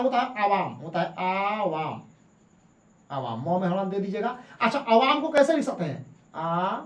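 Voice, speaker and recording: A woman teacher gives a lesson, repeating each point and asking questions that she answers herself. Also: medium pitch. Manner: repeats points and asks rhetorical questions, then answers them. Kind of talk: classroom-style lesson. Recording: echoey room.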